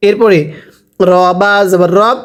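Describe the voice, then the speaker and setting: A man with a Bangladeshi Bengali accent teaches a Quran lesson, spelling out syllables before chanting a drawn-out recitation. His voice is high-pitched.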